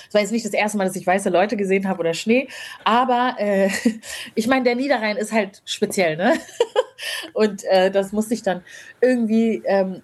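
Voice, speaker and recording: A woman in her thirties, originally from Rwanda, chats through a casual interview. Her voice sits slightly low and carries a husky, breathy texture. She speaks reflectively, often pausing on fillers as she gathers her thoughts. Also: darkish tone. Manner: reflective, many fillers and hedges. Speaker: guest.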